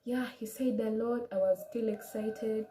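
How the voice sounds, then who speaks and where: A woman's voice: on the high side, steady tone, measured pace, mellow, roomy sound, slight background noise, rough recording. A young woman with an African accent telling a personal story in a casual vlog, chatty, with many restarts and quoted asides. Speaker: vlogger.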